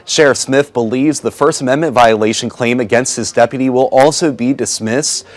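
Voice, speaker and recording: A man's voice: medium pitch, moderate pace. An American man delivering a scripted television news report as a reporter.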